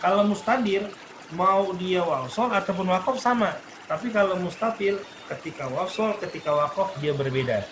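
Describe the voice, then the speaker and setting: A man with a slightly raised pitch teaches Quran recitation in a recorded lesson. He explains a rule, then slowly recites example verses to show it. Water pours and trickles clearly behind him. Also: noisy background.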